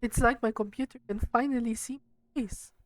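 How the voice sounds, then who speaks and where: A woman livestreaming, reading a game's story aloud in a hushed voice with chatty asides to her viewers at a desk microphone. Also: a little high, fairly even intonation, fairly quick, no room sound.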